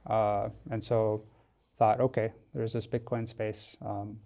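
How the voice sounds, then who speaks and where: In a studio interview, an American man from Wisconsin, a tech company founder appearing as a podcast guest, talks casually and explains things with thought and some hesitation. His voice sits fairly low and sounds dark, with vocal fry, a flat delivery and a slow pace.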